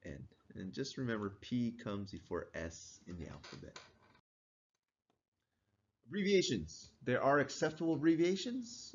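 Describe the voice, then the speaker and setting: A male instructor giving a casual classroom lecture, quizzing students and chuckling now and then. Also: medium pitch. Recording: dull lo-fi recording.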